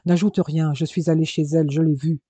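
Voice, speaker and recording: A man reading aloud as a furious young man who talks in sharp, raised, scolding bursts. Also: fairly high pitch, flat delivery, brisk, no room sound, close to an everyday voice.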